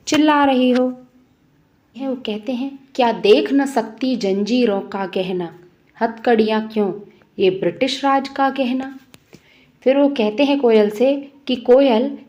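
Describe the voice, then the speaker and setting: A woman teacher explaining a Hindi poem line by line, reading each verse slowly and then putting it in plain words. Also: fairly high pitch, a little mellow.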